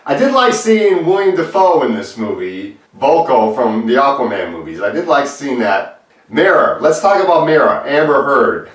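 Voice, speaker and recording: A man giving a casual movie review, talking in animated bursts of disbelief. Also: medium pitch, normal speed. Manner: animated, exasperated outbursts of disbelief. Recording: roomy and far from the mic.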